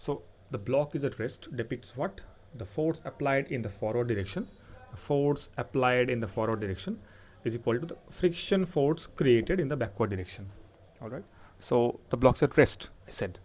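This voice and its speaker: A man with a Bengali accent teaching a physics lesson at an ordinary, middle pitch. He poses questions and answers them himself, repeats key points, and often checks that the listener is following. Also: animated, drawn-out words, darkish tone. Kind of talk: classroom-style lecture.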